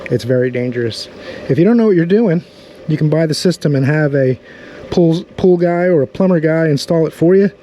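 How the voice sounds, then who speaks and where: A man's voice: mid-range voice, warm tone, a little hiss or hum. A man casually talking through a pool pump review outdoors by a backyard pool, in an easygoing, chatty way.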